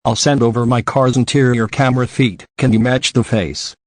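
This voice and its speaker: A man reading the part of a cool, guarded young female spy in a deadpan tone. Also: mid-range voice, moderate pace, no room sound, studio quality, natural voice.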